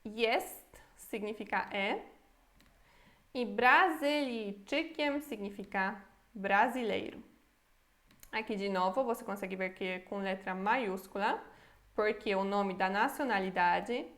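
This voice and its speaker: A woman with a Brazilian Portuguese accent teaching a beginner language lesson, patiently breaking words into syllables and checking in often. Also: medium pitch. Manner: patient, slow syllable-by-syllable pronunciation drills, checks in with "tá?". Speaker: Polish teacher.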